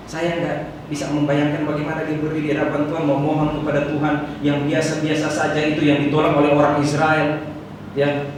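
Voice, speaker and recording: A man preaching a Sunday sermon as pastor, acting out quoted prayers with lively emphasis. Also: a little high, noisy background. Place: church hall. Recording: echoey church hall from far off.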